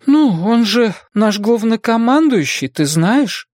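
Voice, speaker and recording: A man's voice: big pitch swings, slow, darkish tone, no echo, clean studio sound, exaggerated voice. A man reading an audiobook, voicing a flustered middle-aged woman who serves as a town official. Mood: earnest. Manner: high, shrill and indignant. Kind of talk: audiobook character voice.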